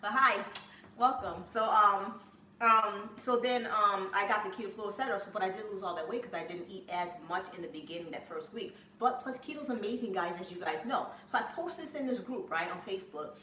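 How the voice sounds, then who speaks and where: A woman hosting a home cooking live stream, chatting in a rambling way with bursts of excitement, from her kitchen. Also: mid-range voice, a little fast. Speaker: cooking channel host. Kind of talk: casual live-stream chat. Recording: echoey room, mic at a distance, faint room noise.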